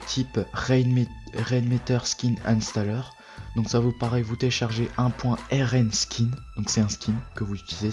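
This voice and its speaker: A man's voice: mid-range voice, darkish tone. A tired man giving a casual, hesitant computer tutorial, full of fillers and self-corrections. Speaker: tech tutorial youtuber. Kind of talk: casual screen-recorded tutorial.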